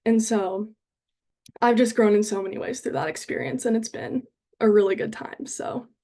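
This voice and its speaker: A woman's voice: on the high side, fairly even intonation, normal speed, warm tone. An American woman around twenty, a university student giving a casual, upbeat and earnest self-introduction in conversational phrasing peppered with "like". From Denver, Colorado, United States.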